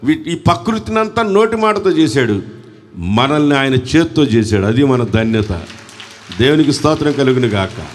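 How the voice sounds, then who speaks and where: A man's voice: mid-range voice, very animated, normal speed, in a large hall. A man with a Telugu accent preaching a sermon at a church service, fervently calling on the congregation to respond. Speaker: pastor.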